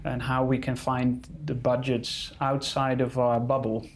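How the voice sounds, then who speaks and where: Non-native English-speaking man, creaky, careful wording. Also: mid-range voice, flat delivery, unhurried, slight background noise. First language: not English. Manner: careful English, searching for words. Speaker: conservation photographer being interviewed. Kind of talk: conversational interview answers.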